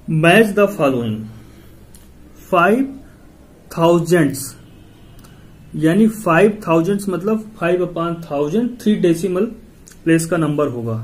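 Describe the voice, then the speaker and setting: A male tutor talks through a lesson step by step, repeating himself patiently. His voice sits somewhat high for a man, yet sounds mellow and soft-edged. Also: rough recording. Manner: patient, repetitive explaining, talking the viewer through each step. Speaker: maths tutor. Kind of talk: step-by-step maths lesson, counting digits aloud.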